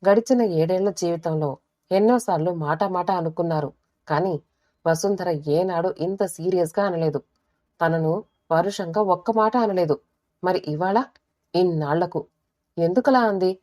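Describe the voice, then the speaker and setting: A woman's voice: on the low side, dark tone. A woman narrating a family drama audiobook, reading evenly and lightly voicing the quoted characters. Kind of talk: scripted narration of a family story.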